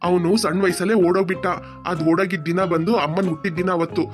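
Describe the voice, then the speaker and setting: A woman voicing a gentle, patient father in a cartoon who calms his family. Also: on the low side, music in the background, lightly acted. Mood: soothing. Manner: soothing, quick talker. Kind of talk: cartoon voice acting.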